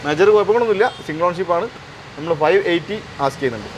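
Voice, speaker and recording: A man's voice: high voice, lively intonation, very fast. A man with a Kerala Malayali accent giving a casual used-car sales rundown in terse answers, mixing Malayalam with English words. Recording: faint outdoor traffic noise.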